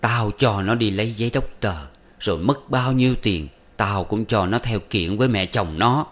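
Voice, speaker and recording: A man's voice: on the low side, moderate pace, lightly acted. A man reading aloud and voicing a bitter, domineering old mother who scolds harshly. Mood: angry.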